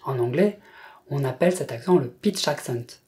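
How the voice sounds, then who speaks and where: A speaker from France narrating a scripted language lesson in a measured, explanatory way. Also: mid-range voice, animated, dark tone. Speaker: language teacher.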